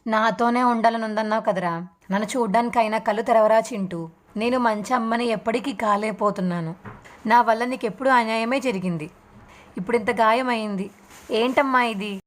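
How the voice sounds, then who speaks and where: A woman's voice: on the high side, a little fast, natural voice. A woman voicing a guilt-ridden young mother who pleads in a sorrowful tone. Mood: grieving.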